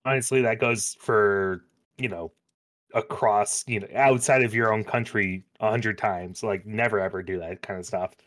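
A man's voice: on the low side, steady tone, moderate pace, a bit bright. An American man co-hosting a casual podcast chat over drinks, talking in a loose, sweary way. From United States.

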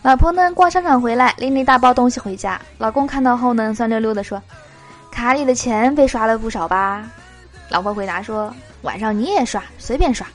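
Woman podcast host, higher voice, chatty joke reader, faint music bed. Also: fast, few pauses. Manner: chatty, laughing between jokes. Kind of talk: reading jokes aloud.

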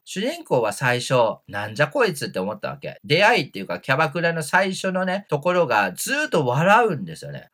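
A man's voice: mid-range voice, pushed and bright. A man hosting his own book review channel, retelling novel plots in an enthusiastic, chatty way. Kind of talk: casual book review vlog.

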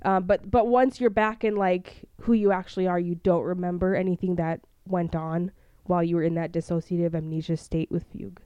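A woman talking in a relaxed, casual chat, using lots of fillers like "like" and "um". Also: fairly low pitch, brisk, smooth, no room sound, muffled recording. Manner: chatty, many fillers like "like" and "um". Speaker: podcast co-host quizzing others.

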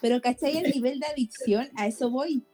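A woman's voice: high voice, a little fast, mellow, soft background music. A woman with a Chilean accent, co-hosting a casual chat and telling stories, laughing often. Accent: Chilean Spanish. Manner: chatty storyteller, laughs often.

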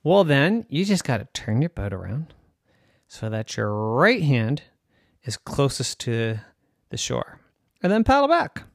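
A man voicing a friendly, chatty male walrus in a bedtime story, talking in a high, bouncy, cheerful voice. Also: big pitch swings, unhurried, vocal fry, no room sound, studio quality.

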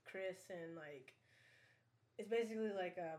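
A woman's voice: lowish voice, a little slow, a little mellow. A woman co-hosting a podcast, teasing and laughing in casual chat and sometimes losing her train of thought. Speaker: podcast co-host.

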